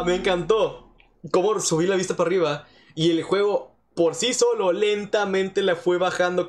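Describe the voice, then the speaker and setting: A man with a Mexican Spanish accent commentating a live horror game stream, jumpy, swearing and nervously repeating himself. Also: on the high side. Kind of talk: live let's-play commentary.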